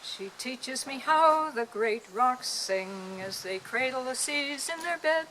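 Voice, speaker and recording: A woman poet reciting her poems to a small audience in an outdoor park, with a gentle, lilting delivery. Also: high-pitched, expressive, takes it slowly, slight background noise, poor audio.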